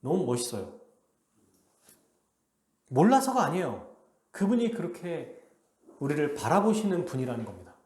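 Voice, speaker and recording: A male pastor preaching a sermon with animated delivery, acting out the quotes he reads. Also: fairly high pitch, moderate pace, long pauses, echoey room. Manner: animated, acts out quotes in a lively voice. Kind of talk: expository sermon. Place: church sanctuary.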